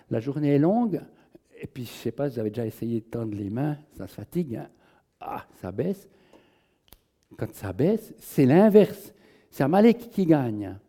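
Guy giving a sermon, chatty and animated, super dark mellow voice, keeps asking the crowd stuff. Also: medium pitch. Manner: conversational, animated storytelling with rhetorical questions. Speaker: preacher.

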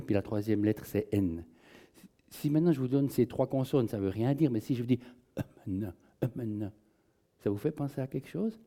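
A man preaching a sermon in a conversational, animated storytelling manner, asking his listeners questions. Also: medium pitch.

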